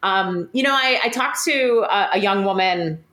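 A woman hosts a podcast and tells her stories in a lively, talkative way. She piles on fillers and restarts her sentences often. Her voice carries a roomy echo. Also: mid-range voice, normal speed. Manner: animated, chatty, frequent fillers and restarts. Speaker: podcast host. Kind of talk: conversational interview storytelling.

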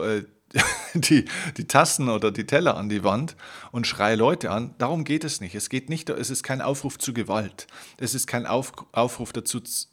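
A man's voice: mid-range voice, a bit bright. A man hosting a self-help podcast, talking earnestly and directly to the listener as a coach. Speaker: podcast host. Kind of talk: motivational self-help monologue.

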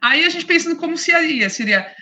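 A woman, a podcast guest, telling a story in a lively way and often checking in with "né?". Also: extremely high pitch, brisk, slight background noise. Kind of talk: casual chat.

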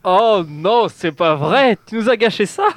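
Teasing man with lively high voice. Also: a little slow, dry recording. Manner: teasing, deadpan jokes. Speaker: podcast co-host. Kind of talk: casual comedic podcast chat.

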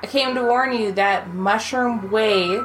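Lady doing valley girl voice for a little mushroom dude, super slow, kinda clumsy dub. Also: a little high, over music, close to an everyday voice, low-quality recording. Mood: breezy valley girl. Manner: halting, self-consciously amateur voice acting. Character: hapless male mushroom helper in a valley girl voice. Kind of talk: comedic live game dub.

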